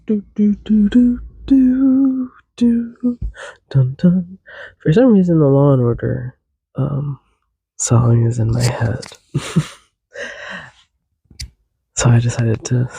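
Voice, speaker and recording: A young man hosts a solo podcast, his medium-pitched voice gravelly, dark, and breathy, with no echo but poor audio. Casual and a little congested, he rambles off on tangents and hums and sings tunes.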